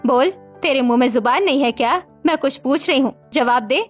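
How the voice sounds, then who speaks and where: A woman's voice: sits high, fairly quick, faint music behind. A woman playing a bossy scolding mother-in-law. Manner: scolding, commanding. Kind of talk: cartoon story voice acting.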